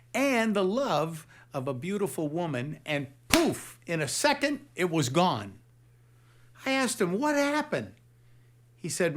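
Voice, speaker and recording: A man's voice: high-pitched, fairly bright tone, slight background noise, heavily acted. A man playing a brash wisecracking lounge host. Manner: joke-telling, punchy, slow timing.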